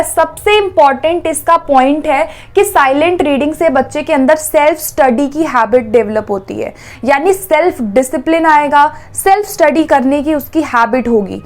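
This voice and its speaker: Young woman teacher, high voice, mixes hindi and english, asks and answers her own questions. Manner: Hindi with English terms mixed in. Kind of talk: exam-prep lecture.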